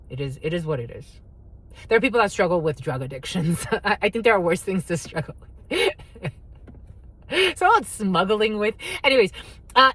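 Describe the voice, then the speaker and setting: Speaking in a lowish, somewhat bright voice, a tarot reader who grew up speaking Spanish does a casual reading. She doesn't mince words, curses freely, and addresses her audience as "my lovies."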